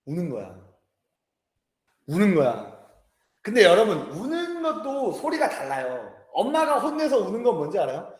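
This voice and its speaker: A man in his thirties teaching a lecture, telling stories lively, joking with students and acting out voices. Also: high-pitched, moderate pace, reverberant. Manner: lively storytelling, acts out voices, jokes with students. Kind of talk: animated classroom lecture. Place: classroom.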